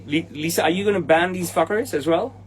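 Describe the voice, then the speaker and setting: A tailor in his forties with a Hong Kong English accent answers his livestream viewers in a fairly high, fairly quick voice. He's blunt, impatient, and swears at commenters. There's slight background noise in the indoor room, where trophies stand behind him.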